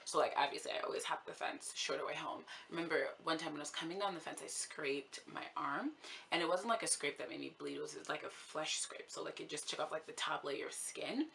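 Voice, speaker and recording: A young woman from the States talks to her viewers in a loose, chatty vlog, low in pitch with a gravelly edge. Her tone is bright and forward, she laughs often and her sentences run on with "like". A faint hiss of room noise sits under her voice. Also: fairly quick. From United States. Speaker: vlogger. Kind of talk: casual vlog talk to camera.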